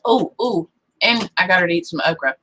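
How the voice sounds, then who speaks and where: A woman's voice: fairly low pitch, lively intonation, brisk, bright, forceful tone, slight background noise, low-quality recording. A woman co-hosting a casual farm livestream, chatting in a rambling way that drifts into tangents. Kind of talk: casual chat. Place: farm home.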